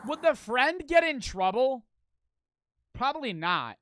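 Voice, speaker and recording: A man hosting a reaction video, commenting excitedly and swearing as he reacts to footage. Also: very high-pitched, measured pace, slight background noise. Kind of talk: casual commentary.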